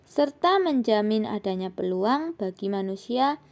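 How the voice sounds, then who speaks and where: A young woman, a university student, presenting a scripted lesson in a steady reading voice that rises on her points. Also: medium pitch, measured pace. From Indonesia. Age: young adult.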